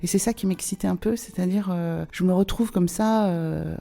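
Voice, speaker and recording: A French woman in her forties, telling her story as a podcast guest, pausing often with fillers and restarts. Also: lowish voice, vocal fry, mellow. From France. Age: 40s. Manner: hesitant, many fillers and restarts. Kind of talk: podcast interview.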